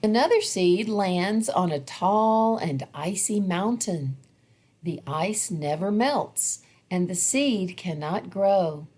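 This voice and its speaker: A woman with a lowish voice reads a children's picture book aloud, expressive and deliberate in her storytelling.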